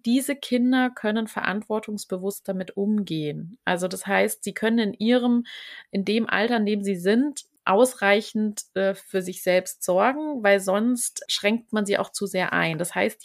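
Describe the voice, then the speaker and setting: Woman podcast host, gravelly voice, earnest and emphatic, talks things through in a relaxed conversation. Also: mid-range voice. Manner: earnest, emphatic, repeats words while searching. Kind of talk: casual conversation.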